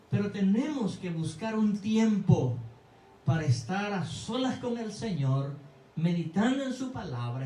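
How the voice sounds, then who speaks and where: Male pastor, fervent sermon delivery, mellow tone, echoey church heard from a distance. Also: a little hiss or hum. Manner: emphatic preaching with sudden pitch swings. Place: church sanctuary.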